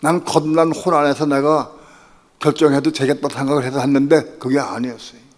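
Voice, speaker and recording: A man's voice: mid-range voice, level tone, fairly quick, long reverb tail. A male pastor preaching a Friday evening sermon, talking conversationally and repeating phrases as he retells his own prayers with rising, pleading intensity. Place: church sanctuary.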